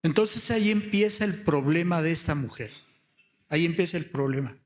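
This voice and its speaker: Male preacher, higher-pitched voice, storytelling sermon delivery with rhetorical questions, climbs into fervent raised passages. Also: animated, moderate pace. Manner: storytelling, rhetorical questions, rising to loud impassioned emphasis.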